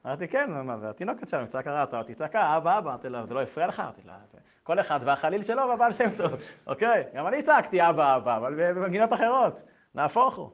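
A middle-aged man gives a Torah lesson, and his voice sits a little high. He talks in a lively way, reads old texts aloud and tells stories from his own life. The recording sounds dull and lo-fi. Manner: animated, shifts between reading texts and telling anecdotes. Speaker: Torah lecturer.

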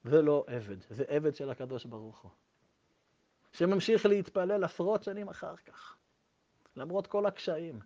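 A man telling a story to listeners in a lively, animated way, in a dull lo-fi recording. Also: fairly high pitch. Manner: lively, acts out voices.

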